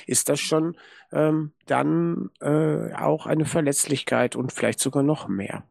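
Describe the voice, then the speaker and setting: A man's voice: a little high, gravelly, a little mellow, no room sound. Earnest man, dry close sound. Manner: earnest, measured, searching for words. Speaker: discussion participant. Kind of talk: conversational contribution.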